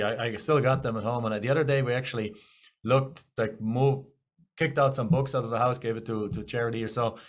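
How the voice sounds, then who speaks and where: A middle-aged man with a German accent, a guest in an interview, telling his story in a candid, rambling way with many restarts. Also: mid-range voice. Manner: rambling, self-correcting, candid.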